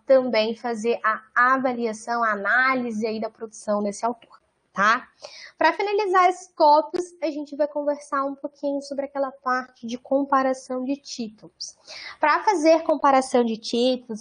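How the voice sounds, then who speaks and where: A Brazilian woman giving an online training session, explaining things step by step and often checking in with her listeners. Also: on the high side. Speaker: product trainer.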